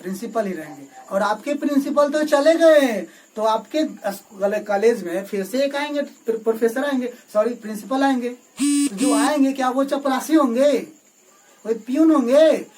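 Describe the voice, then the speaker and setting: A man's voice: very high voice, normal speed, darkish tone, distant mic, rough recording. A male English teacher giving a classroom lecture, asking questions and answering them himself and often checking in with the class. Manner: keeps checking in with "okay?" and "remember". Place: classroom with a board. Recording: voice from away from the mic.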